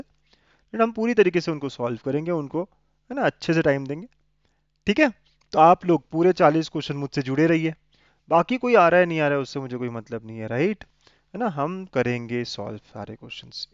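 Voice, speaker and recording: A man's voice: fairly high pitch, animated, brisk, no echo, highs cut off. A man teaching an exam revision maths lesson, coaxing students with frequent checking questions. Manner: coaxing, asks many checking questions, mixes Hindi and English.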